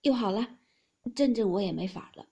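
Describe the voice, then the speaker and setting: A woman's voice: medium pitch, animated, brisk, a little mellow, slightly rough. Woman voicing a sheepish young nobleman. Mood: exasperated. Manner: apologetic, placating.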